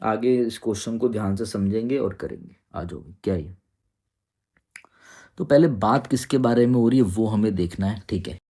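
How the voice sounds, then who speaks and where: Male tutor, low-pitched, gravelly, patient explainer who keeps checking students follow. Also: warm tone. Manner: reads English sentences slowly and deliberately. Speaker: English teacher. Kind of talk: exam-prep grammar lesson.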